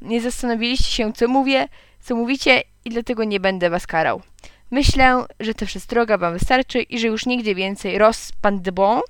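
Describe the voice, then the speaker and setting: A woman's voice: on the high side, normal speed, clean tone, no room sound, lightly acted. Lady reading as a stuffy old principal, preachy and stern, clean dry sound. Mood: admonishing. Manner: moralizing, lecturing, bursts into shouting. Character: stern pompous older male school principal.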